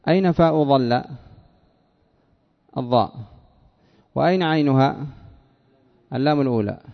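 A man teaching a grammar lesson who reads from a text, asks his listeners questions and answers them himself, slowing down to spell out example words. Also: mid-range voice, highs cut off. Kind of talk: classroom lesson reading and explaining a text.

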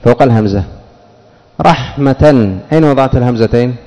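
A man with a dark, mellow voice teaches a grammar lesson. He poses questions and answers them himself, and he draws out the example words slowly. His voice rings with a long reverb. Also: medium pitch. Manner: slows and stresses example words. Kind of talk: classroom lesson.

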